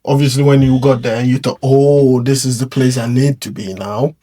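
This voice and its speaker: A man's voice: mid-range voice, fairly even intonation, moderate pace, warm tone. A man hosting a podcast, asking questions and chiming in often with short agreements. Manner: asks questions, chimes in with short affirmations. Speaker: host. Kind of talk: casual conversation.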